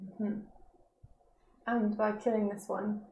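A woman talking casually as a player in a tabletop role-playing game. Her mid-pitched voice has a creaky fry and sits in an echoey room. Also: flat delivery, slow, mellow. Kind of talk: casual in-character and table talk.

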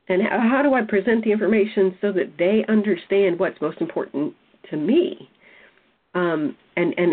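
A woman's voice: medium pitch, slightly rough. Thoughtful woman on a tinny line. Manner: thoughtful, searching for words. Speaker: Bible study discussion leader. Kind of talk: reflective group discussion. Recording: tinny phone or call line.

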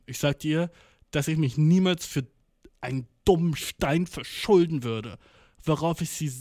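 A man's voice: fairly high pitch, no room sound, studio quality. A young man casually reacting to a read-out story, blunt and slangy, sprinkling in English words. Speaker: commentator.

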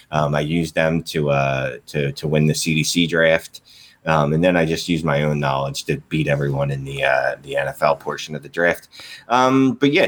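A man's voice: very deep voice, fairly bright tone. An American man co-hosting a casual sports podcast, with a hesitant, rambling way of talking. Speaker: podcast co-host.

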